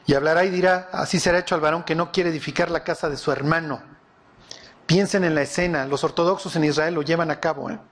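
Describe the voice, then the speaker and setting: A man preaching a sermon, animated and often quizzing his audience with questions. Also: on the high side, fast.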